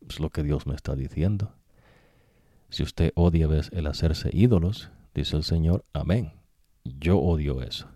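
A man's voice: a bass voice, dark tone, no echo, studio quality. A man teaching the Bible in a sermon style, conversational and full of rhetorical tag questions, dropping English "so" into his talk.

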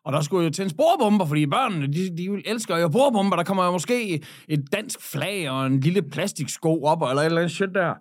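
A man's voice: high-pitched, hardly any pauses. A man from Jutland, a podcast guest, telling stories in casual chat and swearing freely. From Jutland, Denmark. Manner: animated storyteller, swears freely.

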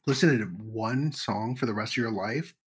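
A man's voice: mid-range voice, moderate pace, slightly rough. A man co-hosting a podcast in casual chat, laid-back, crude and joking. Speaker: podcast co-host.

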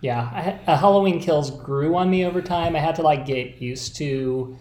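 A man's voice: fairly high pitch, moderate pace, darkish tone. A man hosting a podcast in casual, conversational style, recorded in an echoey room. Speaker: podcast host. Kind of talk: casual chat. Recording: roomy echo.

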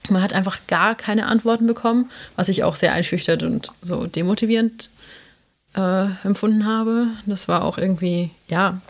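A young South Tyrolean woman from Italy chats casually as a podcast co-host, her accent South Tyrolean German. Her voice is mid-range and moves at normal speed, and she rambles with many fillers.

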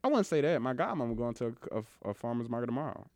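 Young man with a lively Mississippi accent. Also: medium pitch, rapid-fire, no room sound, clean studio sound. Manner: colloquial, slangy, emphatic storytelling. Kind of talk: casual, animated banter.

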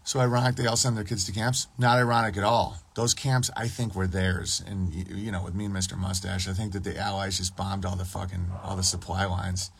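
A man's voice: low voice, flat delivery, a little fast, creaky, few pauses, breathy edge. A man streaming a casual, rambling monologue, often profane and losing his train of thought. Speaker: podcast streamer.

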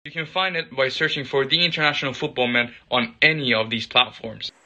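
A man's voice: medium pitch, fairly even intonation, fairly quick, sharp tone, lo-fi sound. A young man reading a scripted introduction as a podcast host. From partly raised in Sweden. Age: young adult.

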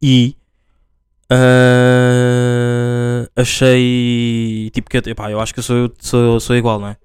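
A man's voice: mid-range voice, level tone, normal speed, a little mellow, clear, resonant tone, no room sound. A young man with a European Portuguese accent hosting a casual solo podcast, rambling along with lots of filler words and restarts. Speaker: podcast host.

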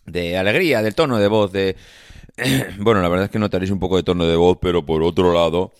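A man with a Spain Spanish accent hosting a casual podcast monologue, hoarse and nasally congested from a coming cold, rambling with many hesitations. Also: sits low, a little fast, no room sound, clean studio sound. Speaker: podcast host.

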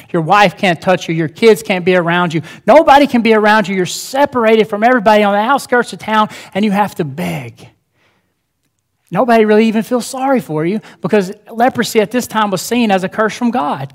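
A male pastor preaching a sermon in a church, earnest and emphatic, repeating his key phrases. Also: high-pitched.

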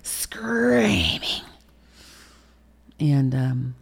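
Gravelly-voiced woman telling a raw story. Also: sits low, very animated, extremely slow. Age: middle-aged. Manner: emotional, profane, re-enacts quotes with sudden loud bursts. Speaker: interview guest. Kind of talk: candid storytelling interview.

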